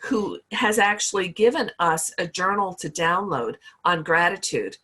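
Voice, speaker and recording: A woman's voice: fairly low pitch, expressive, unhurried, bright, forceful tone, slightly rough. A woman hosting a casual interview, friendly and prompting her guest with questions, her voice a little worn. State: losing her voice. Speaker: host.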